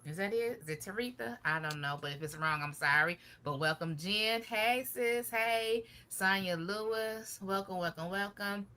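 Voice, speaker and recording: A woman's voice: mid-range voice, moderate pace, few pauses. A woman co-hosting a casual live gardening chat, greeting viewers and talking easily with "y'all". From Michigan. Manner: chatty, warm greetings with Southern-style "y'all".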